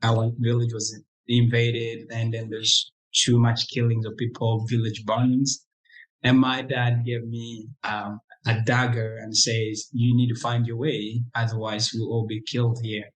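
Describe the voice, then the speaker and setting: A young man from Congo shares his story as an interview guest. He talks in a reflective, unhurried way, often pausing and restarting phrases. His voice sits at an ordinary middle pitch. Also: completely flat delivery, poor audio. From Democratic Republic of Congo. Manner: reflective, halting, many restarts and "you know".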